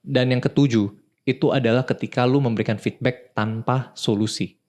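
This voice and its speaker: A man's voice: mid-range voice, fairly even intonation, normal speed, a little mellow. A young man, hosting a talk show and explaining advice in a casual, direct way, calling the listener "bro". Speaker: podcast host.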